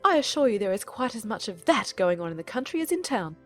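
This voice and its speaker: A woman's voice: mid-range voice, very animated, fast, a bit bright, faint music behind. A woman voicing a fussy, effusive middle-aged mother in a dramatized audiobook, chattering and easily offended. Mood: indignant, triumphant. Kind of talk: dramatized audiobook character reading.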